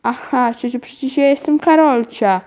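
A woman's voice: high-pitched, moderate pace, warm tone, close to an everyday voice. A woman reading a storybook aloud, voicing an anxious young woman who is really a little girl, pleading and desperate.

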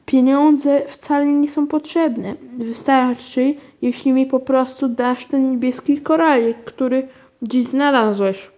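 A sly witch disguised as a sweet saleswoman, read by a woman. She wheedles and coaxes in a bright, slightly high voice, all sugary persuasion. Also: steady tone, slow pace. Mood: coaxing. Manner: coaxing, wheedling.

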